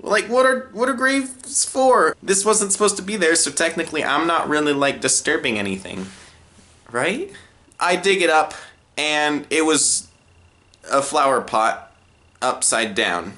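Young male storyteller, bright voice, wide pitch swings, deadpan-to-exasperated delivery. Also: unhurried. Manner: expressive, swings from low deadpan asides to high exasperated outbursts. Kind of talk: animated storytime narration.

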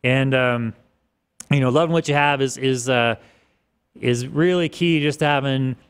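A man in his mid-forties, a guest in a podcast interview, talking casually in a rambling way with restarts, on a desk boom mic in an office studio. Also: a little slow, smooth. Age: 40s. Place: office studio with large windows.

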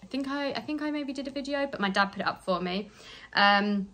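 A woman's voice: a little high, brisk, sharp tone, rough recording. A young woman from England, chatting casually to her phone camera in a rambling vlog full of fillers. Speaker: vlogger. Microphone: handheld phone.

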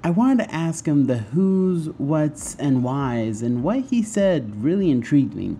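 A man's voice: fairly high pitch, animated, measured pace, warm tone, a little hiss or hum. A young man in a costume head, telling a story in a chatty, upbeat way, his voice muffled through the mask. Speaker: furry vlogger. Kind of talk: casual storytelling vlog.

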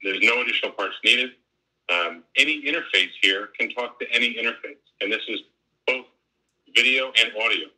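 Over a laptop video call through wired earbuds, a technical specialist in his forties demonstrates and explains technical features conversationally from a room at home. His mid-range voice is pushed and bright at a moderate pace, and the recording quality is low.

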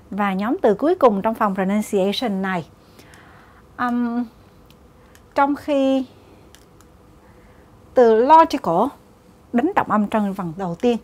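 A woman's voice: a little high, darkish tone. A woman with a Vietnamese accent working through English exam questions in Vietnamese, explaining each answer step by step. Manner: methodical, mixes English terms into Vietnamese explanations. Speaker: English exam prep teacher.

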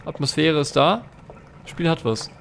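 A man's voice: a little high, animated, moderate pace, gravelly, a bit bright, a little hiss or hum. A young man commenting live on a horror game as a let's play host, restless and jumpy, swearing and talking to his viewers. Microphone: facecam with desk mic.

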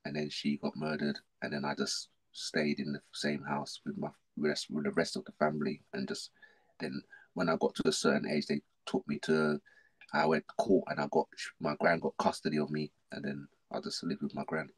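A man's voice: very deep voice, normal speed, slightly rough. A middle-aged man from South London with a South London accent, telling his life story as a podcast guest in casual, slangy talk. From South London, England. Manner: slangy, animated, repeats himself.

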